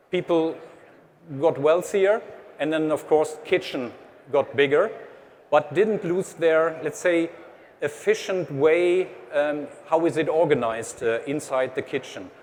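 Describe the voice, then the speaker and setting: German-accented male presenter, hesitant and explanatory, slightly high voice, reverberant hall. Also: slow pace, darkish tone. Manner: hesitant, many uh fillers, explanatory. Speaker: trade association head presenting. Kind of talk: conference presentation. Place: large exhibition hall stage. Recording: reverberant hall, faint background noise.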